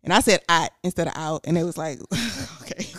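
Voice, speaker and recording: A woman from Houston with a Houston accent, co-hosting a podcast in frank, animated casual chat. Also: lowish voice, measured pace, dry recording, studio quality. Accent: Houston Texas. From Houston, Texas. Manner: animated, laughing, frank and profane. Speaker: podcast co-host.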